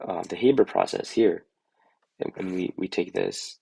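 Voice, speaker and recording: A hoarse young man explains chemistry in a loose, rambling way, leaning on "like" and "um" as he works things out. His voice sits very low with a gravelly, husky edge. The sound is dry and close. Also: moderate pace, dark tone, dry recording, poor audio. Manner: rambling, full of "like" and "um", thinking aloud. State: hoarse from a lost voice. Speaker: student tutor. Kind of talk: casual chemistry review over a drawing screen.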